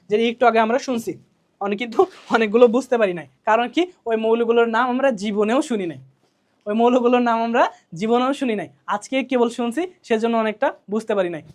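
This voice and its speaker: A woman teacher gives a colloquial exam revision lesson, drilling key answers by asking questions and repeating them. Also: on the high side. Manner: colloquial, chatty.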